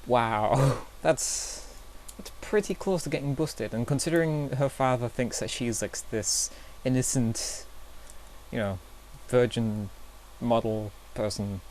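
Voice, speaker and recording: A man's voice: mid-range voice, slow pace, a little mellow, a little hiss or hum. A young man vlogging in a casual, self-deprecating way, telling awkward stories with nervous fillers. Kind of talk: casual storytelling vlog.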